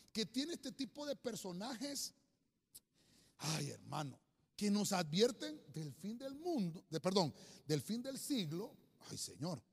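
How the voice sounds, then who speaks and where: A man preaching a sermon with slides, animated and rambling, repeatedly calling listeners brother. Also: sits high, big-room sound.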